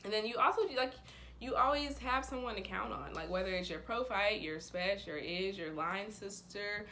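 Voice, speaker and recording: A woman's voice: medium pitch, moderate pace, sharp tone, a little hiss or hum. A woman in her twenties chatting casually to camera in a bubbly, enthusiastic sorority-girl manner. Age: 20s. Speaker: vlogger, sorority member.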